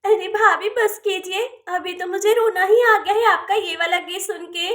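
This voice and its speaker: A woman's voice: very high-pitched, steady tone, moderate pace, fairly bright tone. A woman voicing a tearful young village bride-to-be in a doll-play village drama, talking in an emotional, pleading way.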